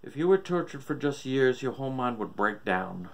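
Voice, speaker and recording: A sick old man played by a male narrator rants in a gravelly, creaking voice. He preaches doom with bitter, profane madness, as in a horror storybook. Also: mid-range voice, big pitch swings, moderate pace, low-quality recording. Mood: bitter, ominous. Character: ranting, sick old father gone mad with doom.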